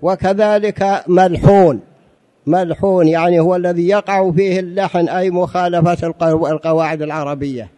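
Speaking fast with hardly any pauses, a man with a warm, somewhat high voice and fairly even intonation delivers a religious lesson on jurisprudence. He explains patiently to the audience, whom he calls brothers, repeating key phrases and posing rhetorical questions.

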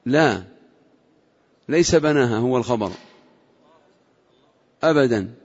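A man gives a measured lesson on the meaning of scripture, explaining step by step and pausing to question his students. His voice sits at an ordinary pitch for a man. The recording is dull and lo-fi, with a long echo from a large hall. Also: lively intonation, a little mellow, husky. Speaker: Islamic scholar teaching Quranic exegesis.

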